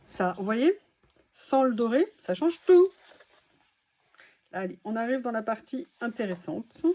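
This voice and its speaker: A woman's voice: a little high, very animated, a little slow, mellow. A woman vlogger chatting casually through a craft haul, exclaiming as she reacts to each item.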